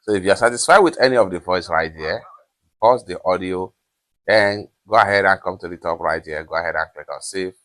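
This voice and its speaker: A man with a very low, deep voice talks through a phone app tutorial. He goes step by step and keeps coming back to the same stock instructional phrases. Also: brisk, a bit bright. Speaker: tutorial presenter. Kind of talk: screen-recorded app tutorial.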